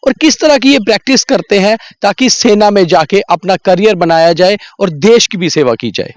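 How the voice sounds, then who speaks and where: A man's voice: high voice, animated, moderate pace, faint music behind. A male field reporter on an outdoor ground, asking trainees probing, conversational questions. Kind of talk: street interview.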